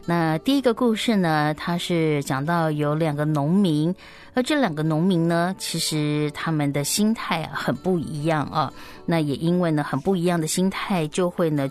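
A low-pitched woman hosts a children's story programme, speaking in animated, simple, explanatory phrases as though reading to small children. Many of her sentences end with soft particles.

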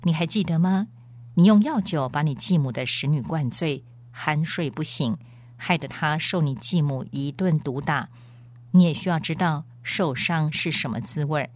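A woman's voice: sits low, dry recording. Woman voicing a wise, fatherly lion. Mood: stern. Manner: calm, measured, fatherly. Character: great male lion, wise, gentle and stern.

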